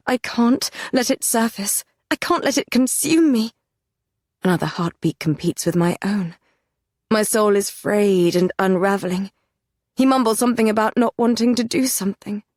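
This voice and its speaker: A woman's voice: medium pitch, darkish tone, no room sound, clean studio sound. A woman narrating a first-person fantasy romance audiobook with an intense, dramatic delivery.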